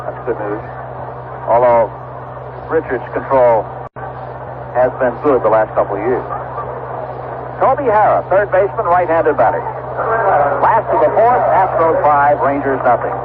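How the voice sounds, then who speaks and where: An American man calls live baseball play-by-play from an outdoor ballpark in a mid-range, sing-song voice, keeping a measured pace with long pauses. It's a vintage radio broadcast, tinny and narrow-band with heavy noise.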